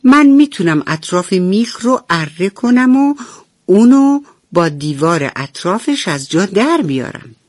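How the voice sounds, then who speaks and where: A woman's voice: mid-range voice, big pitch swings, darkish tone, no echo, studio quality, pitched above the performer's own voice, natural voice. A woman voicing a helpful saw that offers its idea with confidence in a radio bedtime story. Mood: confident.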